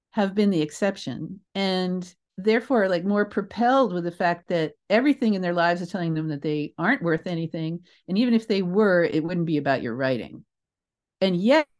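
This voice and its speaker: A woman who writes and creates theatre appears as a guest in a conversational interview, reflective and drifting into asides while correcting herself along the way. Her voice is lowish with a darkish tone.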